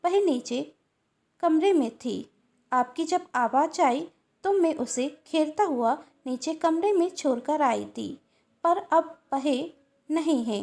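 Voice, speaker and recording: A kind, caring young woman, as a woman storyteller voices her, speaks gently and politely. Her voice is high. She is the good-hearted heroine of a spoken family story. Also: animated, takes it slowly, exaggerated voice. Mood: worried.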